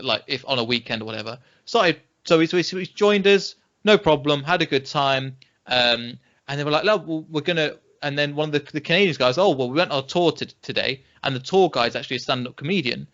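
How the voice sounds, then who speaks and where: A young man from England with a British accent, telling lively anecdotes as a podcast co-host in casual chat. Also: mid-range voice. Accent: British English. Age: young adult. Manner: animated anecdote-telling, acts out quoted reactions. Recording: dull lo-fi podcast audio.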